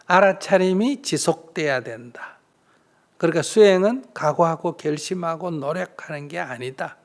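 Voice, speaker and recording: A man's voice: fairly high pitch, normal speed. A man, a Buddhist monk answering questions in a dharma talk, teaching through rhetorical questions and small acted-out dialogues. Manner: lively rhetorical questions, acts out little dialogues.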